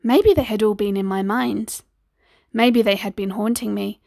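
A woman reading a first-person story aloud in a measured, deliberate way. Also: mid-range voice, steady tone, gravelly, a little mellow, no echo, clean studio sound. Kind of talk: scripted audiobook narration.

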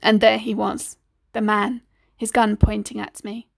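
A woman reading a first-person story aloud in a measured, deliberate way. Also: mid-range voice, level tone, gravelly, no echo, studio quality. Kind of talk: scripted audiobook narration.

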